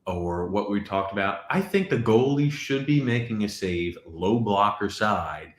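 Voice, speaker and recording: Brief: blunt, low-voiced male hockey co-host, echoey room from an unconnected mic. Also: measured pace. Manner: blunt and argumentative, swears casually. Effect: echoey room sound from an unconnected mic. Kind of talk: casual hockey game commentary. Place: new room, set up not finished. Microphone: external mic not hooked up, backup mic.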